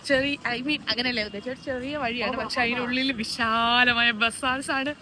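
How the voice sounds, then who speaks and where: A woman's voice: a little high, fairly even intonation, normal speed. A woman chatting casually on location in a busy public place. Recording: outdoor crowd and traffic noise.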